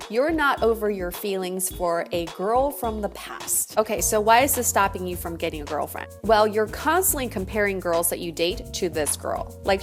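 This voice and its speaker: A woman hosting an advice video, speaking straight to the viewer in a confident, slick, emphatic way. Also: mid-range voice. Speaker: dating advice video host. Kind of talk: scripted direct-to-viewer advice.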